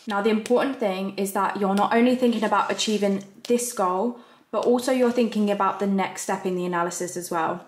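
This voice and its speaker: A young woman vlogs to camera from her desk at home, walking through how she plans coding projects step by step in a practical, casual tutorial style. Her voice sits at a medium pitch, and the recording is reverberant with a slight background noise.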